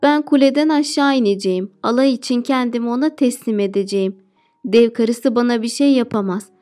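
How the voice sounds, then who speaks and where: Keloğlan, a clever and cheeky boy from a folk tale, voiced by a woman. He answers slowly and politely with a sly edge, his voice slightly high and mellow. Faint music sits behind him. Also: lightly acted.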